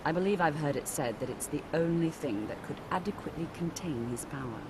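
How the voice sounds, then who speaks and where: An actress playing a composed female mage who speaks in a formal, measured and dry way, heard as game audio. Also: sits low, animated. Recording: game audio with clear background noise.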